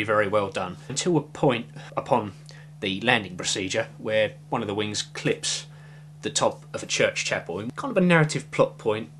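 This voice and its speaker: A man's voice: on the low side, fairly bright tone, a little hiss or hum. A young man reviewing a film to camera in a small room, talking casually with lots of fillers and hedges. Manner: rambling, hedging with fillers, gesturing. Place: small room with shelves of films, indoors. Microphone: webcam at desk.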